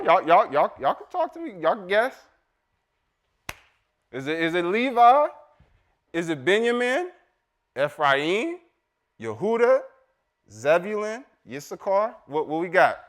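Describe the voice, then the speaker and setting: A man teaching a casual Bible study, quizzing the group and reading scripture aloud. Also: sits high. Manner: chatty, quizzes the group, Southern-style "y'all"; reads scripture aloud slowly.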